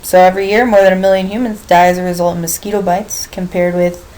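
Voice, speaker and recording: A woman's voice: fairly low pitch, little pitch movement, quick pace, darkish tone, rough recording. A woman lecturing a biology class, explaining step by step, asking the students questions and reminding them of earlier material.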